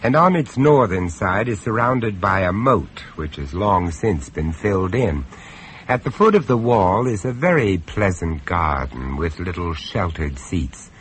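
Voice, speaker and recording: In a noisy radio drama recording, an actor voices an urbane, sardonic horror star telling his tale. His low voice is animated and a little slow, and his storytelling comes across as droll, polished and sardonic.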